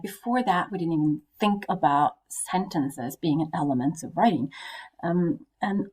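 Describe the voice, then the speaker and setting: A woman's voice: fairly low pitch, mellow, slightly rough. A woman teacher talking through a recorded lesson, explaining step by step with frequent fillers and questions to her students.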